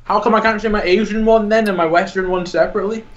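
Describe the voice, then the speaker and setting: A man's voice: high voice, steady tone, quick pace, muffled recording. A young man co-hosting a podcast, argumentative and gloating in casual chat. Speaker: podcast co-host.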